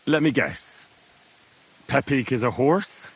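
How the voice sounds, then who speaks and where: A man's voice: mid-range voice, lively intonation, slow pace, a little hiss or hum. An actor playing a young male hero in a video game who asks short, dry questions.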